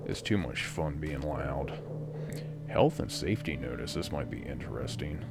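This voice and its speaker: Deep-voiced man with crude gameplay banter. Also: expressive, moderate pace. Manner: crude, joking, rambling. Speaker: gameplay commentator. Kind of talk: casual let's-play commentary. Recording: game music loud behind the voice.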